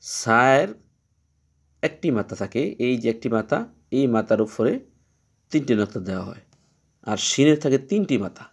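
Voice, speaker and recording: A man teaching Quran reading, explaining each letter patiently and repeating its sound slowly three times. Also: mid-range voice, animated, darkish tone. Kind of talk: step-by-step letter lesson.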